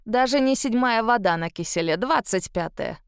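A woman voicing a grumpy ancient female witch who scolds in a gruff, grumbling voice. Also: fairly high pitch, expressive, normal speed, no echo, clean studio sound.

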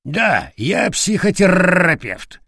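A man voicing a sarcastic, teasing male parrot with a creaky, grating voice in an audiobook. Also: high-pitched, sing-song, slow pace, bright, forceful tone, no room sound, studio quality, voice pushed up, full character voice. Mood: mocking. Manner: mocking, smug. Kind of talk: audiobook character voice.

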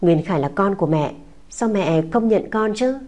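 A woman voicing a young mother who soothes a crying child in a soft, coaxing, tender way. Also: fairly low pitch, brisk, close to an everyday voice. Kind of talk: audiobook character voice.

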